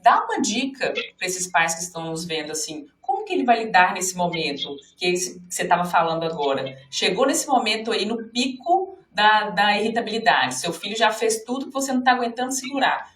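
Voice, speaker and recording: A woman hosting an interview, asking questions on behalf of viewers and adding quick comments. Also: medium pitch, very animated, a bit bright, far from the mic. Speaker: interview host. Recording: roomy sound from away from the mic.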